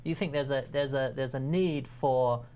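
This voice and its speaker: A man's voice: mid-range voice, normal speed, warm tone, clean tone. A man hosting a live web show, upbeat but stumbling over his words as he announces news and introduces guests. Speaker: host.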